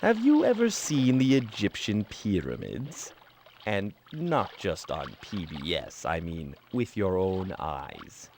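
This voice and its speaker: A man's voice: sits low, wildly swooping pitch, slow pace, vocal fry, darkish tone, slight background noise, exaggerated voice. A man voicing a snooty talking toy creature that lectures humans about their species in a sarcastic, condescending way. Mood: lecturing.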